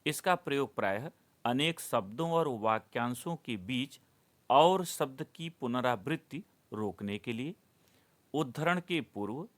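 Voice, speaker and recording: A middle-aged man teaching a Hindi grammar lesson, explaining rules step by step and listing items slowly, as if for dictation. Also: medium pitch, fairly bright tone. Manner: slow, deliberate, dictation-like enumeration.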